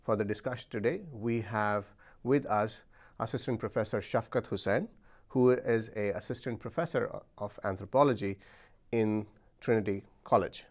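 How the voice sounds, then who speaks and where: Measured, low-voiced male interviewer. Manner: measured, formal introductions. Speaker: interviewer, program director. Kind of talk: formal interview. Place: dark studio set, seated. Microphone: lapel mic.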